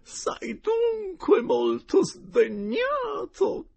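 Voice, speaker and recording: A man doing a shrill sobbing old-fashioned headmistress. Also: very animated, drawn-out words, gravelly, darkish tone, full character voice. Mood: pleading tearful. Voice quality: shrill tearful falsetto. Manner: pleading, sobbing. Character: wailing pious middle-aged woman, headmistress.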